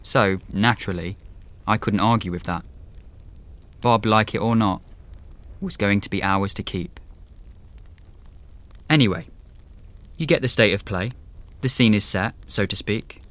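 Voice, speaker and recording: A man's voice: lowish voice, a little slow, long pauses, a bit bright. A man playing a wry, sardonic man in his late twenties, telling his own horror story in a conversational, dry manner. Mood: dryly resigned. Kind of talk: first-person scripted horror narration.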